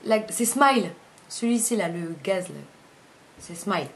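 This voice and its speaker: A woman talks loosely to camera as a beauty vlogger, at a mid pitch for a woman. She rambles and restarts her phrases as she goes. A faint hiss sits under her voice. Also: measured pace. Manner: chatty, rambling, often corrects herself mid-sentence. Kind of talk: casual makeup review chat.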